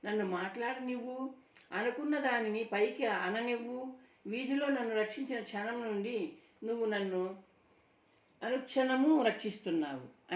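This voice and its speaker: A woman reading a steady, bold young heroine. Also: medium pitch, lightly acted. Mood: insistent. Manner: calm, firm, insistent. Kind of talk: audiobook dialogue reading. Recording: roomy sound from a distant mic.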